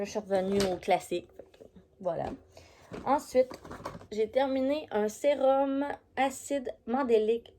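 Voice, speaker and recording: A woman's voice: mid-range voice, gravelly, dark tone, slight background noise. A woman with a Québécois French accent, chatting casually through a beauty product review with lots of fillers. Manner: chatty, loose, full of fillers. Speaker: beauty vlogger.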